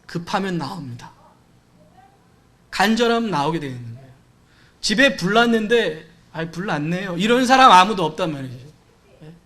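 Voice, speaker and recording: A male pastor delivers a Sunday sermon in a church, with a noticeably high-pitched voice. He speaks to the congregation conversationally and slips into the voices of the people in his story to act out their pleas. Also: lively intonation, normal speed, long pauses, bright, forceful tone. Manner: conversational preaching, acts out quoted cries and dialogue. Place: church sanctuary.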